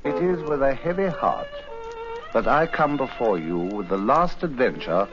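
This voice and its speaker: An actor playing a loyal, concerned, sceptical English gentleman doctor in a 1950s radio drama, with an earnest British delivery. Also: mid-range voice, expressive, measured pace, over music, natural voice. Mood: solemn, sorrowful. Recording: muffled, noisy 1950s radio recording.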